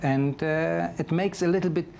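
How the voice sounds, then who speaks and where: A man with a German accent, a chef being interviewed, answering in halting English with many fillers and restarts. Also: on the high side, steady tone, gravelly, darkish tone, a little hiss or hum. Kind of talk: interview answers over a remote line.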